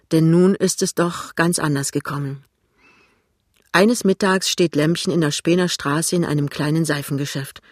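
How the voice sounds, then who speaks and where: An audiobook narrator reading a novel aloud with lively, dramatic phrasing on a close mic. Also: mid-range voice, no echo.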